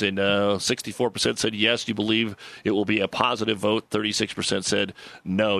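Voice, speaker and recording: A man's voice: on the low side, bright, forceful tone, no echo. A man hosting a sports talk radio show on a close studio mic.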